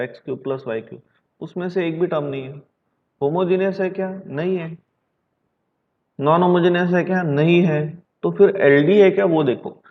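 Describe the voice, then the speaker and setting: Stern lecturing man, math teacher. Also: a little high. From Maharashtra, India. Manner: scolding, repeats himself, mixes English math terms into his talk. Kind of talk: online classroom lecture. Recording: dull lo-fi sound.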